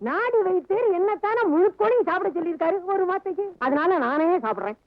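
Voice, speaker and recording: An actor playing a greedy elderly uncle who whines for a whole chicken, on a dull old film soundtrack. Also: male voice, very high-pitched, expressive, fast, no echo. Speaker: wife's uncle.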